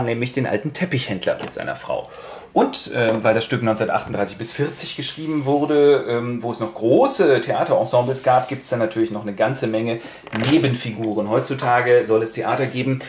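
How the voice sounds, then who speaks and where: A man hosting a casual, playful retelling of a play with toy figures, talking briskly. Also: medium pitch, a little mellow, echoey room, a little hiss or hum. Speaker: host.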